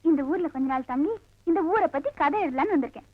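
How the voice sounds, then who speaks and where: An actress playing a lively young city woman who writes, curious and playful, slipping English words into her speech. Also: high voice, fast, dry recording. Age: young adult. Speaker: writer visiting a village. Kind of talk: film acting. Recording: dry, dull lo-fi film audio.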